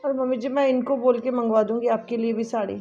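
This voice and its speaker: A woman's voice: a little high, fairly even intonation, fast, lightly acted. A young woman playing a meek daughter-in-law who pleads and soothes in a family drama. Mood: pleading. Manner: pleading, soft, appeasing. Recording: dull lo-fi audio with faint music.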